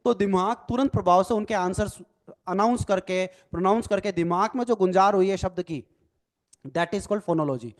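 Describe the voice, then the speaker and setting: A man with a high voice, speaking at a moderate pace, teaches a recorded NLP training lecture in Hindi mixed with English phrases. He explains step by step, spells words out letter by letter, and keeps checking in with the tag question "ठीक है ना".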